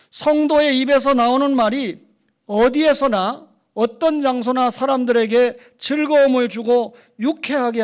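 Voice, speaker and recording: A man's voice: extremely high pitch, smooth. A male pastor giving a sermon in a conversational preaching manner, often asking the congregation questions. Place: church sanctuary.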